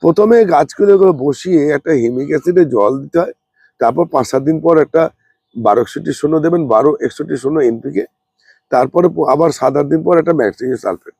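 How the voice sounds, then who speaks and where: A man, unwell, giving a slow, plain, repetitive gardening demonstration as a channel host. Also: fairly high pitch, animated, gravelly, darkish tone, husky, no echo. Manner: speaks slowly and plainly, repeating points.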